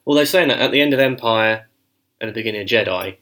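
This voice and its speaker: A man co-hosting a podcast, talking in casual, animated chat and swearing freely. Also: on the low side, fast. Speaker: podcast co-host.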